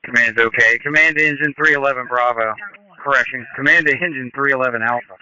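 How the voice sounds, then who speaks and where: A man's voice: medium pitch, quick pace, sharp tone, muffled recording. A man speaking as a fire incident commander over two-way radio, in clipped procedural firefighter radio style, repeating details back to confirm. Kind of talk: fireground radio dispatch. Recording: band-limited firefighter radio transmission.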